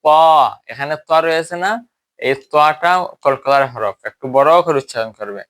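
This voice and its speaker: A man teaching a Quran recitation lesson at a whiteboard, asking questions and answering them himself, and slowly stretching out Arabic words to demonstrate recitation. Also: medium pitch, animated, a bit bright. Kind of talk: classroom tajweed lesson.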